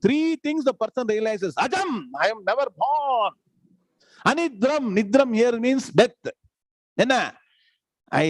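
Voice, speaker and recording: A man's voice: sits high, no echo, poor audio. A man with a South Indian accent, a native Tamil speaker, giving a live scripture lecture as a spiritual teacher, repeating phrases and checking understanding with questions.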